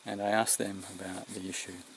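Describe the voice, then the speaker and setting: A middle-aged Australian man, tired and short of breath, speaking off the cuff to camera in a halting, reflective way. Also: fairly low pitch, flat delivery, creaky. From New South Wales, Australia. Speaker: vlogger. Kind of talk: unscripted vlog to camera. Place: outdoors in the mountains. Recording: noisy outdoor recording, rural background sounds.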